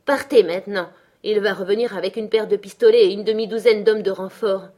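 A woman voicing a proud, quick-tempered young woman in an audiobook, scornful and dramatic. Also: medium pitch, darkish tone, lightly acted. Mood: urgent. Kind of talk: audiobook character reading.

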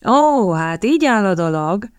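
A woman's voice: medium pitch, very animated, clean tone, no room sound, natural voice. A woman reading the part of a jovial, joking military captain.

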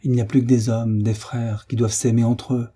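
A man's voice: mid-range voice, little pitch movement, fairly quick, warm tone, breathy edge, natural voice. A man voicing a shy but earnest young man speaking seriously, in an audiobook.

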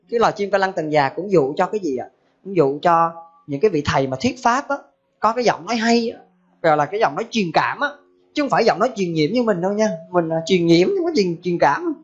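A woman's voice: lowish voice, lively intonation, fast talker. A woman, a Buddhist teacher giving a sermon in a conversational way and asking her listeners questions. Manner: conversational, asks the audience questions. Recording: dull lo-fi recording.

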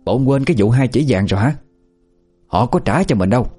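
A man voicing a sharp-tongued older village wife who scolds and nags. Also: mid-range voice, lively intonation, slightly rough, faint music behind, pitched above the performer's own voice. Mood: nagging. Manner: scolding, rapid nagging.

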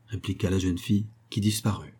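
A man narrating a story as an audiobook in a steady, dramatic reading. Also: low-pitched, brisk, husky.

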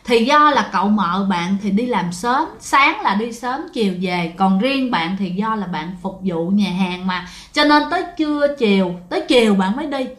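A woman's voice: mid-range voice, expressive, moderate pace, few pauses, a bit bright, echoey room. A woman telling a ghost story in a casual, chatty way, addressing listeners directly.

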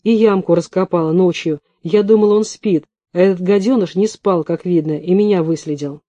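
Guy voicing a greedy hysterical lady, wailing and shrieking, dark mellow tone. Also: high voice, a little fast, no echo, dull audio, lightly acted. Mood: plaintive. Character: greedy hysterical woman, Lyuska. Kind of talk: audiobook character reading.

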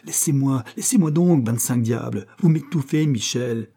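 A man's voice: medium pitch, normal speed, dark tone, slightly rough, close to an everyday voice. A man reading aloud, voicing a proud, poor young captain in an impassioned, declamatory way. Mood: urgent.

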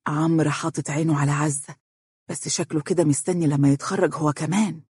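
Narrator putting on a young man, Egyptian accent, coaxing, teasing, husky, dry. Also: mid-range voice, fast talker, darkish tone, no echo. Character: playful young man, devoted son.

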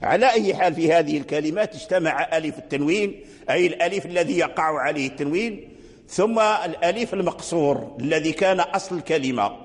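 An older man teaching Quranic readings in a lecture, explaining slowly with repetition and chanting the verse examples. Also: a little high, expressive. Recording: long hall reverb.

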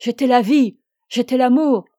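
A woman's voice: sits high, normal speed, dark tone, no echo, clean studio sound, natural voice. A woman reading aloud and voicing a passionate, possessive young woman who speaks with scorn and rising cries. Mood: impassioned.

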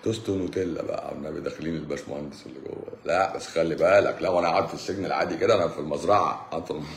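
A man's voice: a bass voice, very fast, gravelly, few pauses, roomy sound, slight background noise. A man with an Egyptian accent chatting casually on a livestream, teasing his viewers and laughing often. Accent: Egyptian Arabic. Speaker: livestream host answering viewers. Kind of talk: casual joking livestream chat.

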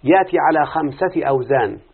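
A man with an Egyptian accent teaching a grammar lesson, quizzing students and repeating word patterns slowly. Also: a little high, animated. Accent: Egyptian Arabic. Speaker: teacher of Arabic morphology. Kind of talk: classroom lesson with student responses. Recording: tinny phone-like lo-fi recording.

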